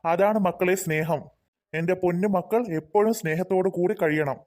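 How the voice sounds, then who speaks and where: A man with a high, natural voice speaks at normal speed while playing a cartoon dad. Gently and patiently, the character preaches to his kids.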